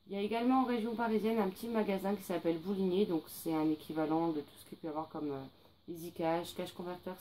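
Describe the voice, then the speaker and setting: A young book vlogger chats casually about books she bought for a haul video, often hesitating with fillers. Her mid-range voice has a dark tone, and the rough recording carries slight background noise.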